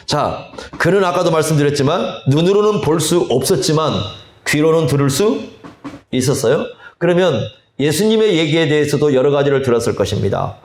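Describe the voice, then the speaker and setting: A male pastor preaching a sermon, slow and deliberate, often asking the congregation rhetorical questions. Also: on the high side, a little mellow. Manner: slow, deliberate delivery with drawn-out phrases. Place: church sanctuary. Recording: echoey church hall.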